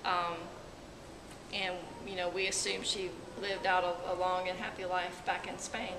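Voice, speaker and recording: A woman museum curator answering interview questions in an informative way, pausing often with filler words. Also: fairly low pitch, level tone. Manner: hesitant, many ums, informative. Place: large museum exhibit hall, indoors. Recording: reverberant hall with clear background noise.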